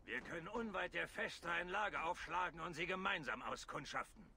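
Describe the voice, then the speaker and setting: A man's voice: a little high, animated, normal speed, vocal fry, bright, forceful tone, slight background noise, exaggerated voice. A man voicing a boastful, brutal Viking warlord who tells crude war stories in a German game dub. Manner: swaggering, crude storyteller.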